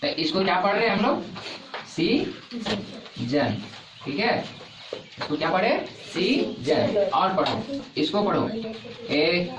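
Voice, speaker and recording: A man's voice: sits high, animated, takes it slowly, pauses often, crowd noise. A man teaching an English lesson to a class, repeating each point and asking the pupils questions. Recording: echoey classroom from far off, noisy.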